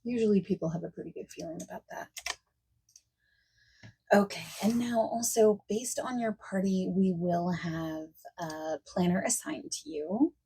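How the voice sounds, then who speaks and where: In a softspoken ASMR roleplay, a woman plays a friendly, accommodating party planner, her mid-range voice slightly rough and sometimes dropping to near-whispers. She chats casually in a reassuring, helpful way, pausing for replies we don't hear. Keyboard typing and clicking sound over faint noise.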